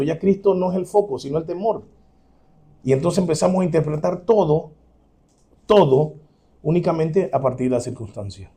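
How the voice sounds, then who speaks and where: A male pastor, preaching an animated sermon and acting out the scenes he describes. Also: fairly high pitch, gravelly. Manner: animated preaching, dramatic re-enactment, chuckles.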